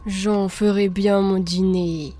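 A woman voicing a possessive forest spirit in panther form in a storybook, slow and menacing. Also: mid-range voice, flat delivery, dark tone, natural voice. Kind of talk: storybook character voice.

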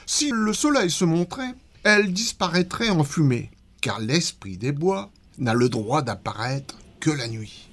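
A man narrating a children's story in an expressive, dramatic way. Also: a little high, unhurried, few pauses.

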